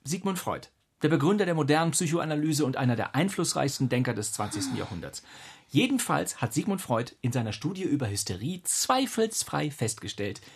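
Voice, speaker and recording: A man's voice: fairly high pitch, sing-song, a little fast, husky, heavily acted. A man playing a pedantic, smug, know-it-all father in a radio comedy sketch. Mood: lecturing. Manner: lecturing, smug, over-precise. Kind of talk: scripted radio comedy acting.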